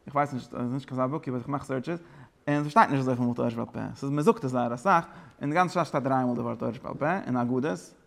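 A man teaching a religious study lesson, explaining in a rapid, rambling way and dropping English words into his talk. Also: medium pitch, gravelly, a bit bright.

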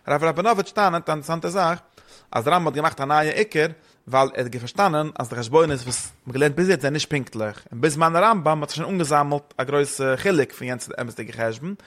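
A man with a slightly high, somewhat bright voice talks through a religious text in casual study. He rambles quickly, slipping between languages as he mixes German with Hebrew and English terms.

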